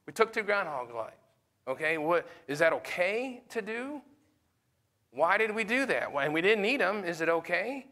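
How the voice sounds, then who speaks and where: Bright-voiced pastor quizzing his class. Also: high-pitched, very animated, moderate pace. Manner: questions the class often; conversational, with fillers. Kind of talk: Sunday school teaching.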